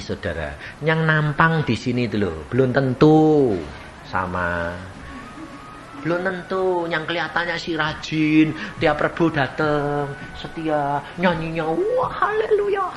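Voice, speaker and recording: A man preaching a sermon, telling stories with acted-out voices, shouts and laughter. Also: a little high, unhurried, slight background noise. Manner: animated storytelling, acts out voices, shouts and laughs.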